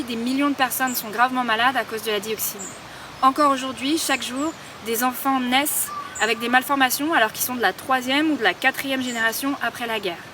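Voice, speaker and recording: A woman from France, an artist, giving a steady, earnest recorded statement of support outdoors. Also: high voice. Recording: distant mic, street noise.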